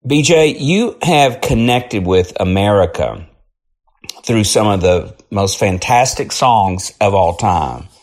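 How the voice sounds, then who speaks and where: Low-voiced male interview host. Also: expressive, slow. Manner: upbeat, effusive introductions. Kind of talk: interview hosting.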